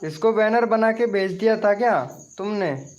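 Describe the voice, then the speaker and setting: A man with a rather high voice, speaking a little slowly, hosts a casual live stream, bantering with and teasing his viewers in a steady, chatty flow. The audio is dull and lo-fi.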